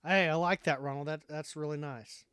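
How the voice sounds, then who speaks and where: A man's voice: fairly high pitch, fairly even intonation, normal speed, a bit bright, clean tone, dry recording, clean studio sound. A man hosting a casual livestream chat, thinking aloud in a hesitant way. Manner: hesitant, thinking aloud while figuring things out. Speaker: livestream host.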